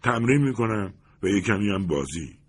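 A man voicing a confident adult man who plays billiards and talks in a loud, composed, casually friendly way. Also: lowish voice, expressive, breathy edge, pitched above the performer's own voice. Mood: breezy.

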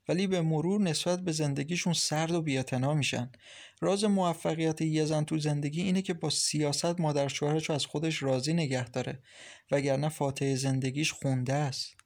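A man's voice: a little high, creaky. A man voicing a chatty advice-giving young wife. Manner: lively, reassuring, lecturing kindly. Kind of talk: audiobook character reading.

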